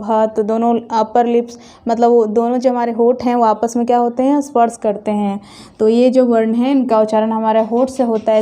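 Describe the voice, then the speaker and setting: A woman teacher explaining step by step, asking questions and answering them herself, and slowing down to sound things out carefully. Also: fairly high pitch, dark tone. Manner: slows to drawn-out, careful pronunciation of sounds. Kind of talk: classroom lesson.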